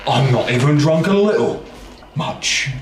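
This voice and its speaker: A man's voice: mid-range voice, animated, a little slow, lightly acted. Casting: a man to play a village drunk for a fantasy game, slurry rambling schemer, roomy sound. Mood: boozy, scheming. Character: babbling village drunk, man, touting secrets for gold. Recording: roomy echo.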